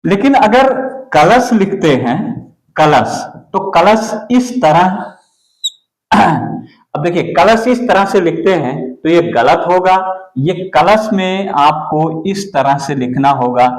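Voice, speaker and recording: A man teaching an exam-prep spelling lesson, going slowly and repeating each word. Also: on the high side, animated, roomy sound, low-quality recording. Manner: slow, deliberate, repeats words for the student.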